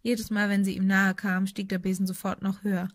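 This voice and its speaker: Steady female audiobook narrator, close dry studio sound. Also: mid-range voice, fairly quick, dry recording. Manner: steady storytelling. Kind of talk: scripted narration.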